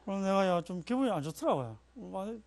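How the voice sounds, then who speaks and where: Animated man preaching. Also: sits high, fast, gravelly. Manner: chatty, storytelling, laughs at himself. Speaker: pastor. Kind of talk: sermon with personal stories. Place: church.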